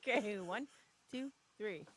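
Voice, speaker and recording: A woman's voice: mid-range voice, very noisy. A woman co-hosting a live podcast broadcast, talking casually, upbeat and often laughing. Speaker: podcast co-host. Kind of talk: casual live-stream chat.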